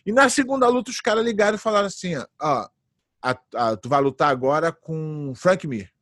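A man near forty recounts his fights in a relaxed interview, acting out the voices of people in his stories. His voice sits a bit high for a man. The sound is dry and close, with no room around it. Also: normal speed, no echo. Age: late 30s. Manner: animated anecdotes, acts out quoted voices. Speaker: guest, jiu-jitsu fighter. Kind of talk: casual storytelling interview.

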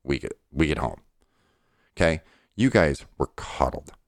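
A man's voice: very deep voice, sing-song, unhurried, no echo, studio quality. A middle-aged man arguing his opinions in a casual debate, blunt, insistent and given to swearing.

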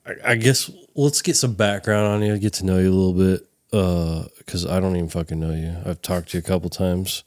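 A man's voice: sits low, steady tone, brisk, hardly any pauses, no room sound, studio quality. A man in his thirties hosting a podcast, loose and joking, swearing often. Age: 30s. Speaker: podcast host. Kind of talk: casual podcast chat.

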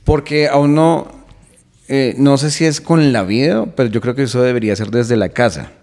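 A man's voice: mid-range voice, moderate pace, a little mellow. A man, a comedian guest speaking earnestly and reflectively in a casual podcast chat. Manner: earnest, reflective, explains at length.

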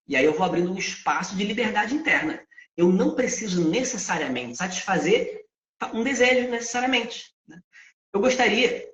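A man teaching Vedanta ideas, who poses questions to himself and answers them in a lively spoken lesson. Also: fairly high pitch. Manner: asks and answers his own questions. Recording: echoey, dull lo-fi sound.

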